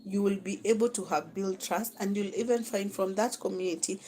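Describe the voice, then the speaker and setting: A woman's voice: medium pitch, fairly quick, a little mellow, a little hiss or hum, low-quality recording. Kenyan woman coaching a live class. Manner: coaching, repeats phrases, frequent "okay?" check-ins. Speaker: social media marketing instructor. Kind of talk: live-streamed masterclass.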